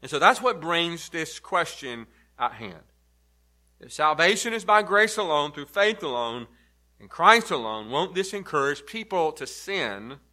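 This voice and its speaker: A man preaching a sermon, emphatic and building to forceful repeated stresses. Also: on the high side.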